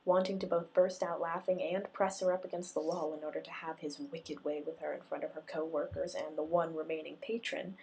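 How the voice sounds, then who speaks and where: A woman reading fan fiction aloud in a steady, unhurried narration. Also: deep voice, slight background noise, low-quality recording. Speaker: reader.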